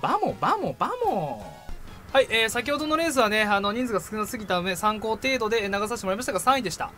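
A young man hosting his own racing game videos, joking and cheering through animated play-by-play commentary. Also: sits high, rapid-fire. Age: young adult. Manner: animated, jokey, bursts of cheering and impressions. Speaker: gaming channel host. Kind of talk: excited gameplay commentary. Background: background music.

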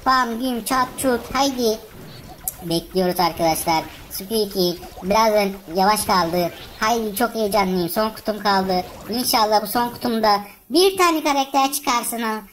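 A woman hosting a gaming channel, giving excited let's-play commentary, cheering on game characters and chatting with viewers. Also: on the high side, a little hiss or hum, poor audio.

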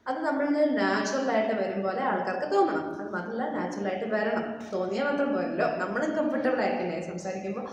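A woman's voice: a little high, a little hiss or hum. A woman giving a casual spoken lesson on English pronunciation, spelling words out letter by letter and repeating them for emphasis. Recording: echoey room from a distance.

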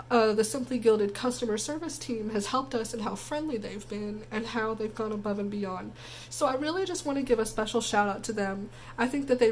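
A woman planner vlogger with a croaky voice from bronchitis, chatting casually and gushing through an unboxing. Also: fairly high pitch, a little mellow, slight background noise, poor audio.

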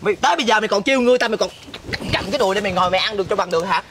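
A woman with a Southern Vietnamese accent playing a sharp-tongued village woman who scolds her neighbors sarcastically in a comedy skit. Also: mid-range voice, rapid-fire, slight background noise, natural voice. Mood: scolding. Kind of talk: comic sketch acting.

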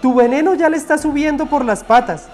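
A man voicing an excitable little young toad in a storybook. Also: extremely high pitch, fairly quick, soft background music, voice pushed up. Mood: excited. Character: small young toad, timid but brave.

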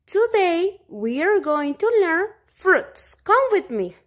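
A woman's voice: very high voice, very animated, slow, exaggerated voice. A woman voicing a cheerful little puppet dog, teaching toddlers simple words with encouraging repetition, as in a children's lesson. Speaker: preschool English teacher.

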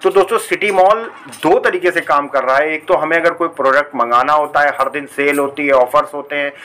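This is a male reporter reading a local news voice-over in an upbeat, friendly manner. His voice sits a little high for a man. He speaks straight to the viewers, calling them his friends. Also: a little fast, pushed and bright. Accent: Hindi, from Lucknow region.

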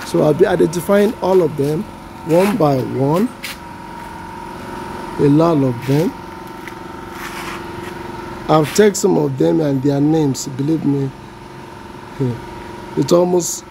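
Outdoors, a Nigerian vlogger whose first language is Yoruba gives a casual walk-through of the weeds in his backyard, unhurried and sounding out plant names in a self-deprecating way. His voice is fairly high and creaky. He films off-screen on a handheld phone, and a running generator can be heard behind the audio.

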